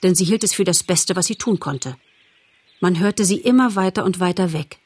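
A woman narrating a children's animal story in a measured, expressive audiobook reading. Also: on the low side, husky, dry recording.

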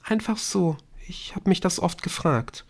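A man reading an audiobook, voicing a frightened teenage girl who pleads in a high, shaky voice. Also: expressive, a little slow, vocal fry, heavily acted. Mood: subdued.

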